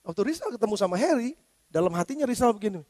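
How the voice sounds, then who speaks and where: Male pastor, very high-pitched, lively sermon, long church-hall reverb. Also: rapid-fire. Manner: lively preaching, acts out quoted speech in slangy Jakarta style.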